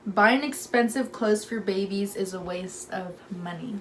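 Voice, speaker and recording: A young woman chatting casually on a home vlog, her talk packed with "like" as she tells animated stories. Her voice sits at a middle pitch, with a faint noise underneath. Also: a little slow, rough recording. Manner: chatty, many "like"s, lively storytelling. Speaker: vlogger. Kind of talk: casual sibling chat.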